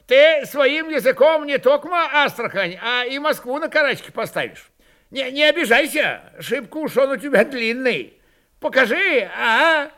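A man's voice: very high voice, very animated, slow, hardly any pauses, fairly bright tone, pitched above the performer's own voice, full character voice. A man voicing a sly Cossack who teases and needles an old man. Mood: snide. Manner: snide, teasing. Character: sly, mocking Cossack jester.

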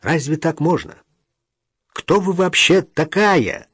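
A man's voice: on the high side, lively intonation, slow, a bit bright, breathy edge, dry recording, clean studio sound, voice pushed up, full character voice. A man doing a blunt, irritable brother. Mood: irritated. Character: irritable, weary adult brother who flares up. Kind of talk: audiobook character reading.

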